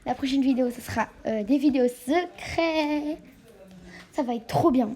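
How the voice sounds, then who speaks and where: A woman's voice: high-pitched, normal speed, dark tone. A woman vlogging casually while playing with dolls, chatting to viewers and often dropping into whispers. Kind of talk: casual doll-play vlog.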